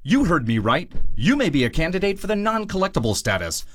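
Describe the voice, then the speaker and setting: A man giving a scripted advertising pitch as a company spokesman. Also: very animated, fairly quick, fairly bright tone.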